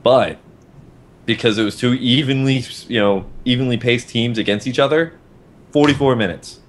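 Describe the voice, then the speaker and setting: A man's voice: medium pitch, normal speed. A man co-hosting a casual gaming podcast, talking in a rambling way and often restarting his sentences. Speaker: podcast co-host.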